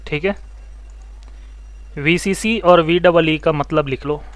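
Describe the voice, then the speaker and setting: Fast-talking, high-voiced male repair teacher. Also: no room sound. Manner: explains step by step, asks students questions and tells them to write notes; talks fast, says so himself. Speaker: mobile repair instructor. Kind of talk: online electronics lesson.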